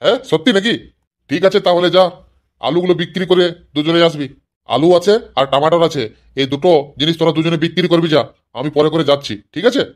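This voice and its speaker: A man's voice: on the high side, brisk, natural voice. A man voicing a scolding, exasperated father who sells vegetables, in a cartoon. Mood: approving. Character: grumpy father, vegetable seller. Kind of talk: cartoon voice acting.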